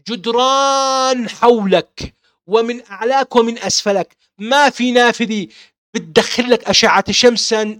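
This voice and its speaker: A man's voice: very high voice, a bit bright, no room sound, clean studio sound. A man with a Levantine Arabic accent, an author delivering an impassioned monologue. He is insistent and fervent, firing off rhetorical questions and repeating himself. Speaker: author and publisher.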